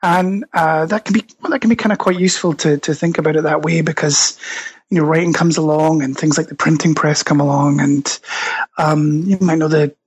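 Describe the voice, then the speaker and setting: With fairly even intonation and a slightly fast pace, a Scottish author and researcher explains his work on a podcast. His male voice runs high with a breathy edge, and his thoughtful answers are full of fillers and restarts.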